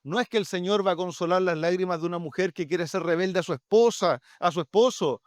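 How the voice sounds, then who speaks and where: A man's voice: sits high, fairly quick, no echo, studio quality. A man with a Chilean Spanish accent, a pastor preaching a sermon in an earnest, pleading way, often addressing his listeners directly.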